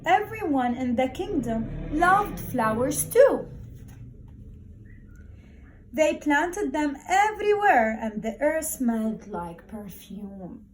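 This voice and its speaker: A female primary school teacher talks and reads aloud to young children, encouraging and expressive, repeating words for emphasis. Her voice sits high and she speaks slowly. The recording is rough, with a little hiss or hum.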